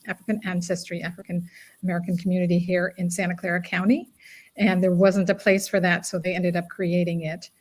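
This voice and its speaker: Earnest woman from Guyana. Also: fairly low pitch. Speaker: guest advocate. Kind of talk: casual conversation.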